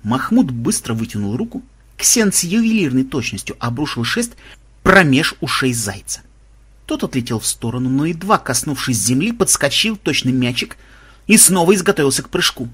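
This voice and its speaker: A man's voice: medium pitch, very animated, normal speed, fairly bright tone, slightly rough. A man reading a humorous adventure story aloud as an audiobook narrator, voicing each character's lines in turn.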